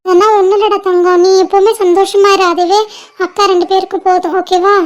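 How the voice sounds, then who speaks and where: A woman voicing a gentle, resigned young woman about to be married, soft-spoken and tender in an amateur audio drama. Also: very high-pitched, little pitch movement, brisk, highs cut off. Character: sorrowful young bride-to-be, gentle elder sister. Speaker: elder sister.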